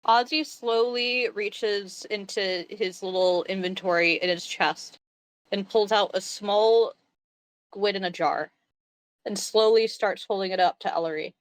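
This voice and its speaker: A woman tabletop player describing her character's actions, halting and stumbling over words. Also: medium pitch, clear, resonant tone, dry recording, poor audio.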